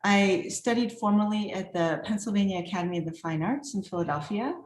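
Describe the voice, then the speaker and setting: A middle-aged woman from the former Czechoslovakia, a guest artist and art professor, introduces herself at a virtual reception. Her medium-pitched voice moves a little fast in casual, upbeat chat with frequent laughter, and the audio is reverberant with slight hiss or hum.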